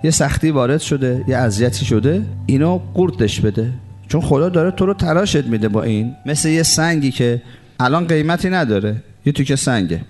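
A man giving a religious sermon, reciting quotations slowly and explaining them with rhetorical questions and long lists. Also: mid-range voice, expressive, darkish tone, faint music behind. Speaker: preacher.

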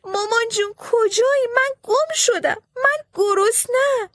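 A clever young boy wails and pleads in a very high, tearful voice, performed by a woman narrator. The crying is put on by the character, loud and pitched up. The sound is dry and close. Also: no echo. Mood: wailing. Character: clever little boy faking lost crying. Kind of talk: storybook character voice.

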